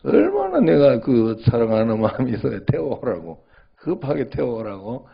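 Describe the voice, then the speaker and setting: A man's voice: medium pitch, wildly swooping pitch, moderate pace, vocal fry, slightly rough, muffled recording. A male pastor giving a sermon in a conversational way, often checking in with the congregation.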